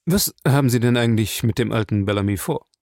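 A man reading a hard-pressing police captain in a low, gravelly voice. The questions come blunt and probing, and the recording is dry and close. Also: fast talker, darkish tone, dry recording, close to an everyday voice. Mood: stern. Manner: blunt, interrogating.

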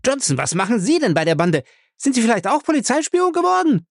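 A man doing a shrill, raging young hothead. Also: lively intonation, no room sound, studio quality. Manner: shouting, furious, rapid outbursts. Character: hot-headed young man, shrill with rage.

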